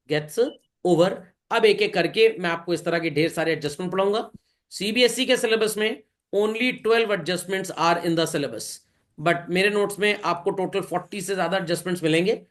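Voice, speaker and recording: A man teaching accounts to a class, asking questions and answering them himself as he explains. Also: sits high. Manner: questions students and answers himself, mixing Hindi and English; calls listeners bhai and children. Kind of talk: classroom lecture.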